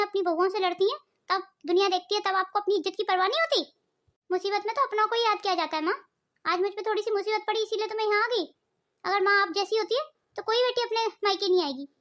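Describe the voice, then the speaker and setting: A woman's voice: very high voice, a bit bright. A woman voicing a loyal young daughter-in-law in a cartoon family drama, speaking in a pleading, emotional way. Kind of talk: cartoon voice acting.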